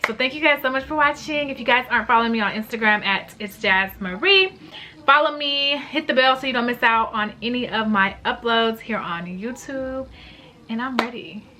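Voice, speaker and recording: A woman's voice: a little high, normal speed, pushed and bright, a little hiss or hum. A woman in her late twenties chatting casually and gushing in slangy terms while reviewing perfumes for her vlog. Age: late 20s. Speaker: beauty vlogger.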